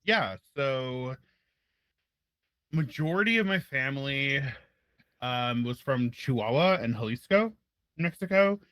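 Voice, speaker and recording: A man from Los Angeles speaks on a casual online panel in a measured, thoughtful way. He talks slowly at a middle pitch. The sound is dry. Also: animated, a bit bright, no room sound. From Los Angeles, United States.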